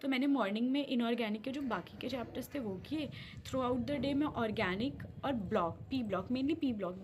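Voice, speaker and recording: A woman's voice: on the high side, heavy background noise. A young woman vlogger chatting earnestly to camera, switching between Hindi and English as she shares exam tips. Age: young adult. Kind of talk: casual talk to camera.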